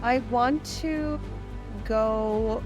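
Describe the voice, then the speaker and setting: Slow, hesitant woman playing a tabletop game. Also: on the high side, dull audio, over music. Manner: hesitant, thinks aloud with fillers. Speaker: player. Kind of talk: casual tabletop play.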